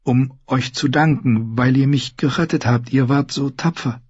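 Timid young noble girl, high and pleading, voiced by a male audiobook narrator, dull dry recording. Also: moderate pace, a little mellow, natural voice. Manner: hesitant, pleading, breathy high voice. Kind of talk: audiobook character voice.

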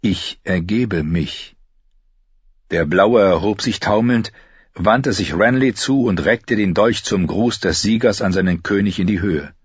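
A man narrating an audiobook in an even, measured storytelling manner. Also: fairly low pitch, husky, no room sound. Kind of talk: scripted narration. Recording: dry, dull studio recording.

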